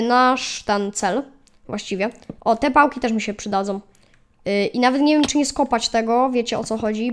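A woman casually commenting on her gameplay, chatting to viewers and yelping at attacking mobs. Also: on the high side. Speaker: gaming channel host. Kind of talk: casual let's play commentary.

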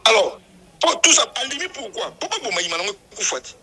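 A man's voice: high voice, very animated, fast, a crowd in the background. A man, a football club supporter speaking in a heated interview and repeating his points with emphasis.

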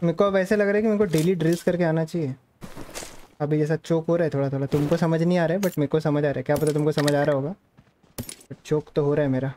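A man's voice: on the high side, fairly even intonation, quick pace, dark tone. A man streaming a shooter game, chatting casually and joking with his chat and other players. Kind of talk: casual live gaming commentary. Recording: noisy game stream audio.

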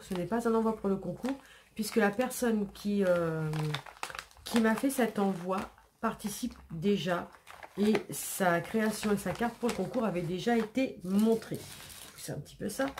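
A woman's voice: medium pitch, a little mellow, slight background noise. A woman hosting a scrapbooking channel, unboxing mail in a casual, chatty way with many hesitations and repeated words, sniffling a little. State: sniffling after sneezing.

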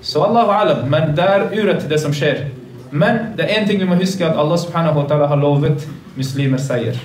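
A man's voice: a little high, darkish tone. A man teaching a religious lesson to boys in a mosque, earnest and preachy, repeating points for emphasis. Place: large carpeted mosque room. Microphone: phone livestream from across the room. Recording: echoey room, speaker far from phone.

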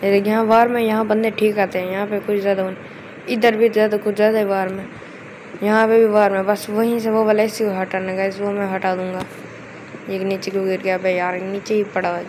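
A woman hosting a gameplay video, giving chatty, casual commentary as she plays and often addressing her viewers as guys. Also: medium pitch. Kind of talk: casual let's-play commentary. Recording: steady background noise.

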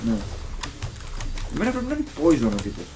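A man hosting a casual gameplay session, excitable, swearing and trash-talking his opponent. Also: on the high side. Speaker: gaming channel host. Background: game music.

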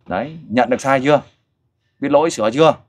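A middle-aged man hosting a casual interview, coaxing and animated as he questions a child and a father. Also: mid-range voice, fast. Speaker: host interviewer for a volunteer group.

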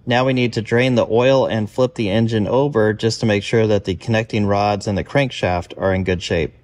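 Speaking at normal speed in a lowish, darkish voice with fairly even intonation, a middle-aged man hosts a workshop show. He explains plainly and step by step while doing hands-on work in a large indoor garage, and there's slight background noise.

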